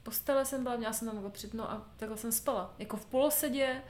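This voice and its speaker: A woman's voice: on the high side, a little hiss or hum. Candid young mother chatting in an echoey room. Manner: candid, laughs loudly, swears casually. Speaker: podcast co-host. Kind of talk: casual chat. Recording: roomy echo.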